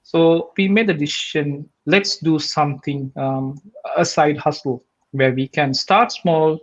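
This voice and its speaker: A man's voice: a little high, a little slow, lo-fi sound. A man in his forties, from Sri Lanka, the guest in a casual online interview, talking steadily and earnestly with many ums and restarts.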